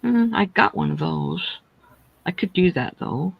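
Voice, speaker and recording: A woman's voice: on the low side, expressive, a little slow, creaky, slightly rough, dry recording, muffled recording. A woman hosting a casual crochet livestream, chatting in a rambling way, speaking without her teeth in. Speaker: host of a crochet chat livestream.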